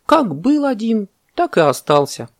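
A man voicing a greedy, cheeky female monkey in a children's story, with a squeaky, stubborn delivery. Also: sing-song, a little slow. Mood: matter-of-fact.

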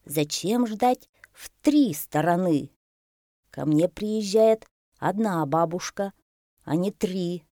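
A woman voicing a slow, touchy young boa constrictor who draws out his words. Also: lowish voice, mellow, no echo, clean studio sound. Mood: earnest. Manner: slow, drawn-out, a bit sulky.

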